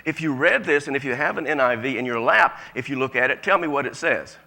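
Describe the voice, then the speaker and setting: A man's voice: medium pitch, animated, fast, vocal fry, bright, forceful tone. A man preaching a sermon to a congregation, emphatic and folksy, with frequent restarts. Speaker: pastor.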